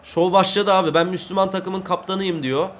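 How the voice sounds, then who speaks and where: A young man commentating his own football video game, swinging from low mumbling to loud shouts at his players. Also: fairly even intonation, normal speed. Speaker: gaming YouTuber.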